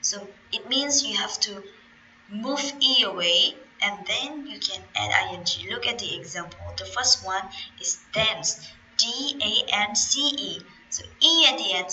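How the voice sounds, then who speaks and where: A young woman teacher with a Khmer accent walks through an English grammar lesson at an unhurried pace. Her voice is bright and crisp, and she spells out letters one by one with patient care. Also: mid-range voice, slight background noise, rough recording. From Cambodia.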